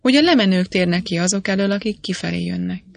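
A woman's voice: lowish voice, vocal fry, no echo. A woman voicing an earnest young male miner, speaking in an eager way.

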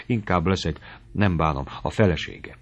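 Man reading a shy trembling young woman. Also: deep voice. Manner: hushed, trembling whisper. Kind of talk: audiobook reading. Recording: muffled lo-fi recording.

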